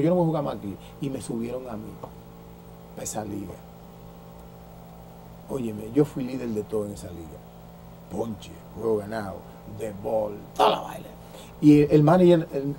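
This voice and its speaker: Warm Dominican man telling stories. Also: mid-range voice, a little hiss or hum. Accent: Dominican Spanish. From Dominican Republic. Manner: lively storyteller who acts out quoted dialogue, with frequent restarts. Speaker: former baseball pitcher, interview guest. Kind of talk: anecdotal storytelling in an interview.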